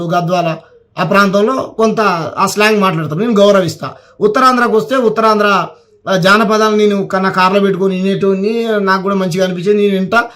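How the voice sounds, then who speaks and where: Telangana-accented man, high voice, heated scolding political rant. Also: a bit bright. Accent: Telangana Telugu. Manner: heated, scolding, repeats words for emphasis. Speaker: political commentator.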